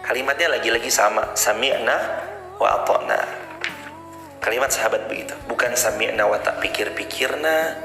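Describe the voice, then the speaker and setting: A man preaching an animated sermon to a congregation, asking rhetorical questions, with an Indonesian accent. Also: mid-range voice, gravelly. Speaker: ustadz preacher. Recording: echoey hall with music behind.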